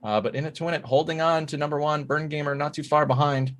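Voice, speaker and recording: A man's voice: fairly high pitch, steady tone, fast. A man hosting an online trivia show, announcing answers and leaderboard standings in an upbeat, chatty way. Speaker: trivia host. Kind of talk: announcing quiz results and leaderboard.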